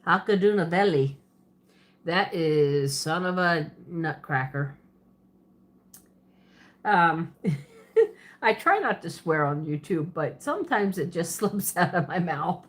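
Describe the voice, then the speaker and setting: The voice is a woman's, on the lower side and animated, moving slowly with long pauses. As a livestream host from Pennsylvania with a Pennsylvania Dutch accent and a Southern twist, she rambles casually through viewer questions, laughing often and correcting herself.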